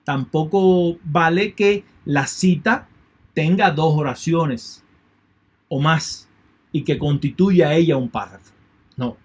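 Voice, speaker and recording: A man's voice: a little high, slow, breathy edge. A man teaching an online lecture in a methodical way, repeating key points and thanking his students. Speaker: university lecturer.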